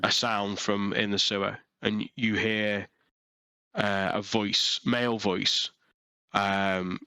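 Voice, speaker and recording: Bright, crisp man as game master. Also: lowish voice, little pitch movement, no room sound. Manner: halting narration with many fillers and restarts. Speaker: dungeon master. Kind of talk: narrating a tabletop game over voice chat. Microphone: headset.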